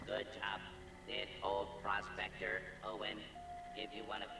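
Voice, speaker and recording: An actor playing a folksy robot cowboy in a video game, with an old prospector's slow Western American drawl and a gravelly voice. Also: male voice, low-pitched, completely flat delivery, exaggerated voice. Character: folksy old-west robot cowboy gunslinger and park attendant. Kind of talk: video game character acting. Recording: echoey, distant, under loud music.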